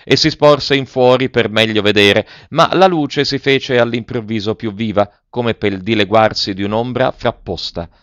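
A man reading a classic novel aloud in measured, tender storytelling narration. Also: on the low side, smooth, no room sound, highs cut off. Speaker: audiobook narrator. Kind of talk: literary audiobook narration.

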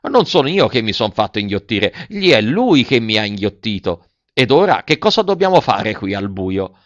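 A man's voice: big pitch swings, normal speed, dry recording. A man voicing a frightened, tearful wooden puppet boy with a whiny, pleading manner. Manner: whiny, pleading, high-pitched. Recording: dull, dry audiobook recording.

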